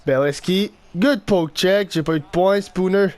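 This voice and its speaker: Excitable Québécois man narrating his hockey game. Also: high voice, measured pace, no room sound. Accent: Québécois French. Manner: excitable, swings between groans and shouts. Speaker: gaming YouTuber. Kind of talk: live gameplay commentary.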